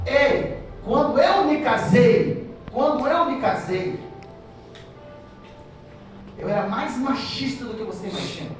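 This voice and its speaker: A Brazilian pastor with a high voice preaches a sermon to couples, trading lively back-and-forth with the crowd. He's far from the mic in a very echoey hall.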